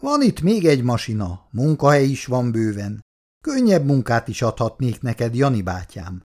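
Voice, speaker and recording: A man's voice: medium pitch, big pitch swings, a little mellow, lightly acted. A man reading aloud as a blunt, bossy factory foreman. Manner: gruff and commanding. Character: middle-aged male foreman, blunt and bossy.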